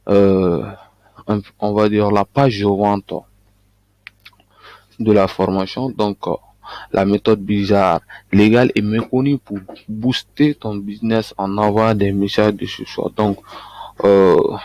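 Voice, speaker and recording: Slow, flat-voiced man teaching. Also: fairly low pitch, no echo. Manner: hesitant, many fillers and restarts. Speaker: online business coach. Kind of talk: screen-share tutorial.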